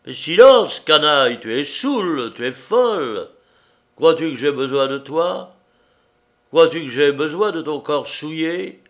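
An awkward young man from a read-aloud novel, played by the male narrator, stumbling over his words and then hurling loud insults. The voice is pushed higher and louder than the narration, still slow in delivery. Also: lively intonation. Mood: raging. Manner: stammering, then shouting insults. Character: awkward young man, self-righteous and quick to rage.

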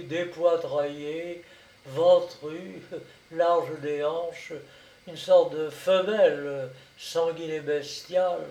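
A man narrating a classic short story aloud in a measured, expressive reading. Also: on the high side, far from the mic. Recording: echoey room, voice set back from mic.

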